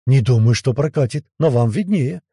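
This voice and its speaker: A man's voice: medium pitch, lively intonation, normal speed, mellow, slightly rough, no echo, studio quality. A man voicing a grumbling, terse spaceship pilot. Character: gruff, taciturn male hired spaceship pilot.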